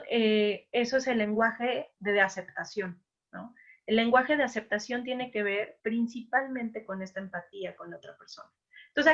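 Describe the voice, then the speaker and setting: A woman's voice: on the high side, a bit bright. A woman giving an informal talk to parents, conversational, often adding "no?" to her sentences. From Mexico. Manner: conversational, frequent "¿no?" and "o sea"; slips into quick acted quotes of parents. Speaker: parenting workshop speaker. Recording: dull lo-fi sound.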